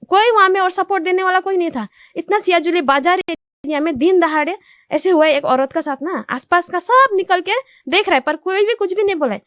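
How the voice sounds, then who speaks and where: A young woman tells her account in simple, repetitive Hindi, her voice set high. She grows agitated and insistent. The sound is dry and close. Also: no echo. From Assam. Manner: speaks Hindi with non-standard grammar, repeats "ऐसे बोला". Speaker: complainant interviewed. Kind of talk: recounting events to reporters.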